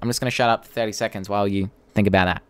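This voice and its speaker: A young Australian YouTuber runs a laid-back live Q&A, talking to viewers and reading their comments in a blunt, sweary, informal way. He speaks very fast in a fairly low, steady voice that comes across clear and resonant.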